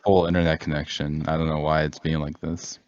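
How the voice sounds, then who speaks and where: A man's voice: a bass voice, level tone, brisk. A man co-hosting a casual sports chat over an online call, his voice breaking up and turning robotic from a bad connection, hesitant and full of restarts. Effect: glitchy, robotic breakup from a bad internet call. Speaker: podcast co-host. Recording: dull lo-fi online call audio.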